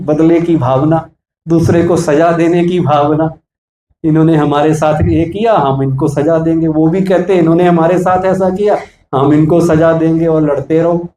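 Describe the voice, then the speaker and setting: High-voiced man giving a motivational talk. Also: dark tone, echoey room, a little hiss or hum, rough recording. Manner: preachy, asks rhetorical questions, acts out examples. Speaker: spiritual motivational speaker. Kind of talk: motivational talk to police staff.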